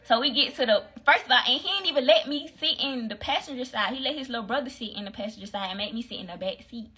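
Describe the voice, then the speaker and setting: A young woman tells a story on a phone livestream, slangy and candid. Her voice is husky and a bit raspy, set a touch high. It has a bright, tense edge. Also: quick pace, rough recording. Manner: candid, slangy, acts out both sides of quoted dialogue. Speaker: livestream host. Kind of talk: casual storytelling.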